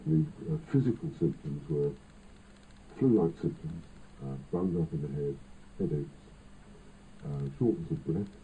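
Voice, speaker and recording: A man speaking as an airline pilot, his voice electronically disguised to sound deep, talking in a hesitant, halting way. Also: animated, gravelly. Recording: tinny phone-like band, faint noise.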